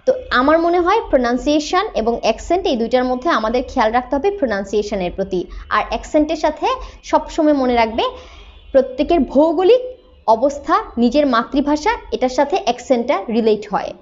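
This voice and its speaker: A woman from Bangladesh, an English teacher, explaining patiently and slowing down to model sentences. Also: sits high, expressive, a little mellow, dull audio. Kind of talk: explanatory lesson.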